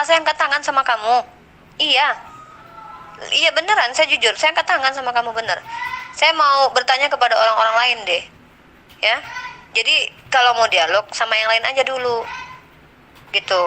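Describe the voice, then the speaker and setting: A young woman in a heated religious debate, speaking in a high, bright voice. She teases and mocks her opponent and keeps repeating the same words. Her tone stays pointed and combative. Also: slight background noise, poor audio. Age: young adult. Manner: teasing, repeats "Pak" mockingly.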